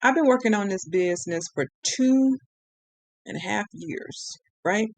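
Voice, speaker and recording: A woman's voice: medium pitch, animated, a little slow, creaky, darkish tone, dry recording. Tearful, frustrated woman ranting live. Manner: rambling, frustrated, holding back tears, many restarts. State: close to tears. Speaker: vlogger on a live stream. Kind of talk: emotional live-stream rant.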